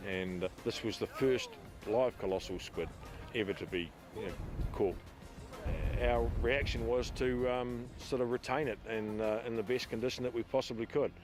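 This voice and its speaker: A man's voice: medium pitch, steady tone, moderate pace. A man, a fisherman, casually recalling events in a documentary interview. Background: background music.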